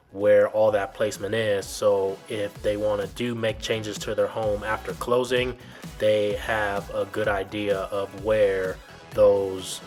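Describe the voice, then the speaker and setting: A man giving an explanatory, informal video tour narration as a home builder's guide, in a plain, instructive way. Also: lowish voice.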